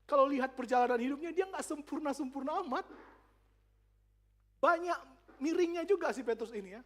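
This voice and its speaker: A male pastor preaching a lively, conversational sermon with asides to the congregation in a church. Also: very high voice, a little fast.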